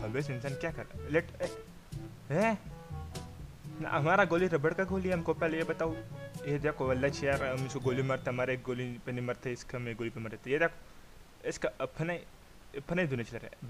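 A man with a Pakistani Urdu accent commentates his own game in a comic, excitable way. He calls enemies names and reacts loudly to every shot. Background music plays under his voice the whole time. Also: mid-range voice. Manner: excitable, mock-insulting, shouting at opponents. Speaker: gamer giving funny commentary.

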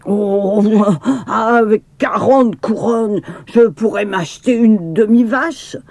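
A woman's voice: mid-range voice, slow pace, darkish tone, no echo, pitched above the performer's own voice. A woman voicing a stern farmer father who stresses each word hard in a storybook. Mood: indignant.

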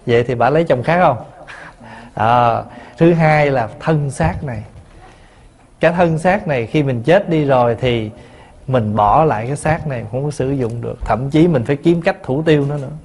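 A man's voice: medium pitch, moderate pace, darkish tone. A man, a Buddhist monk teaching a dharma talk in a storytelling way, asking his listeners questions.

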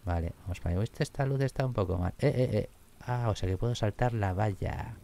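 A man commenting on a video game as he plays it. His voice sits fairly low with a gravelly, fried edge. He is excitable, swears freely and exclaims often. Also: fast. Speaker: gaming streamer. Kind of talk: let's play commentary.

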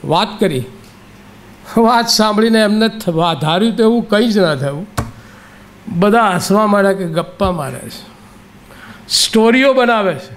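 Male lecturer with a high-pitched voice, conversational storyteller who repeats key phrases to drive his point home. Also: animated, a little slow, pauses often. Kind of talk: inspirational public lecture.

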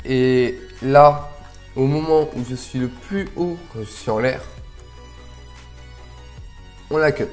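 A man hosting a casual software tutorial, relaxed and a little rambling as he explains each step. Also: mid-range voice, takes it slowly, long pauses, soft background music. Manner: relaxed, chatty, slightly rambling. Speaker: video tutorial host.

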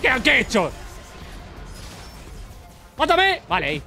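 Man, very high voice, gaming host, excitable, yelling and cursing. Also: unhurried, vocal fry, music in the background. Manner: excitable, shouting and swearing. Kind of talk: excited gameplay commentary.

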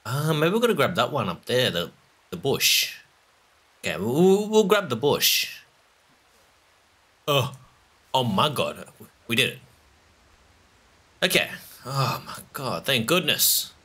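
A man's voice: mid-range voice, sing-song, slow pace, pauses often, pushed and bright, husky. A man giving let's play commentary, talking to himself as he plays, with frequent exclamations and laughter. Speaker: gaming channel host.

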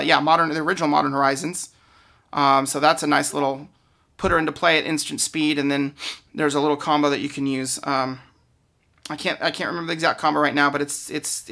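A man talks through a card pack opening in a bright, forward voice with a gravelly creak at its edges. His commentary is casual and unscripted, and he often hesitates or leaves a thought hanging. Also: on the high side.

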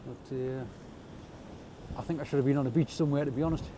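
A man with a medium-pitched, steady, dark voice talks fast as he fishes from rocks at night in wind and rain. An angler vlogger from North East England, he gives casual narration that's chatty, understated and self-deprecating, captured by an outdoor camera with faint wind noise.

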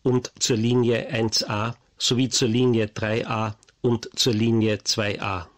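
A man reading formal, measured, scripted subway station announcements. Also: fairly low pitch, level tone, very noisy. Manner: formal, measured listing of stops and transfers.

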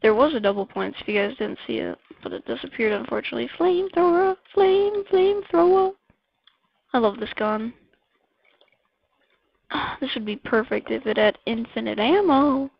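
Excitable woman with a gravelly, lo-fi voice. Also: medium pitch, fairly quick, dry recording. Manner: excitable, rambling, blurts out weapon names. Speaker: gameplay commentator. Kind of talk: casual gameplay commentary. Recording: dull lo-fi dry mic.

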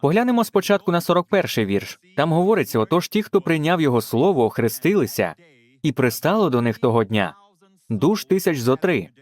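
A man's voice: a little high, big pitch swings, fairly quick, dry recording. A man preaching a dubbed sermon in a fervent way, with frequent exclamations of praise.

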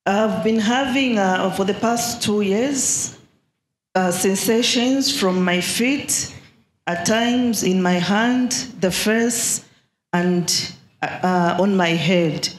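A middle-aged woman from Zambia giving a halting healing testimony in church, speaking into a handheld mic. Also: medium pitch, slight background noise. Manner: slow and halting, with many pauses. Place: large church hall. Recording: echoey hall.

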